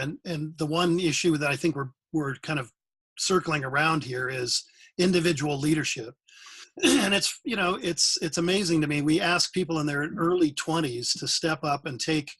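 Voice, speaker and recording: A man hosting a webcast, speaking in a measured, reflective way. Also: on the high side, fairly bright tone, breathy edge. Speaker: webcast host. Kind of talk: conversational webcast talk.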